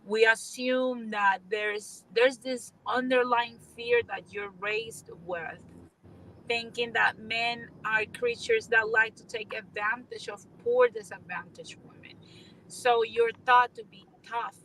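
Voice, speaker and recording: A woman's voice: on the high side, slow, fairly bright tone, slight background noise, poor audio. A woman in a casual livestream chat, speaking earnestly over a bad connection that keeps breaking up. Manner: earnest, emphatic, restarts phrases. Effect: bad connection, audio breaking up. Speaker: livestream panelist. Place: on the road in a vehicle.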